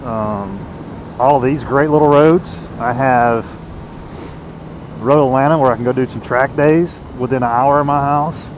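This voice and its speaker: A man's voice: mid-range voice, a little slow. Man motovlogging from inside his helmet. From United States. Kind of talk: casual rambling vlog while riding. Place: outdoors, riding a motorcycle on the road. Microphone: inside a motorcycle helmet. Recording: noisy helmet mic with vehicle noise. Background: engine and road noise.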